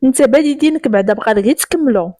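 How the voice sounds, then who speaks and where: A woman with a Moroccan accent voicing a sharp-tongued young woman who teases and snaps back quickly. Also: medium pitch, animated, dry recording, clean studio sound, close to an everyday voice. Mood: mocking. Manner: teasing, quick retorts.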